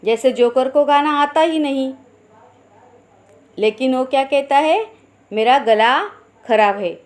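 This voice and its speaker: A woman with a high voice teaches schoolchildren a Hindi lesson, slowly explaining idioms and sayings. She asks questions and then answers them herself.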